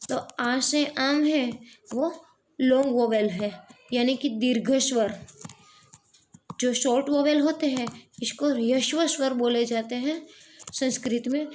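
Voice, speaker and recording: A woman's voice: high-pitched, slow, a little mellow, a little hiss or hum. A woman teacher gives a classroom lesson and draws out each sound she demonstrates. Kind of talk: slow classroom explanation of vowel sounds.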